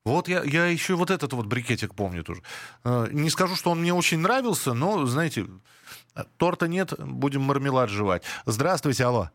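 A man's voice: mid-range voice, animated, moderate pace, a bit bright, dry recording, clean studio sound. Chatty male radio call-in host. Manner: chatty, reminiscing, frequent restarts. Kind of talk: casual nostalgic phone-in chat. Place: radio studio. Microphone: studio microphone.

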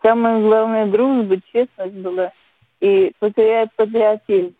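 A woman's voice: medium pitch, steady tone, a little slow, dry recording. A woman phoning in to a live radio show, heard over a landline phone. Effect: landline phone sound. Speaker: phone-in caller. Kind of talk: live radio call-in remarks. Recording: muffled narrow telephone line.

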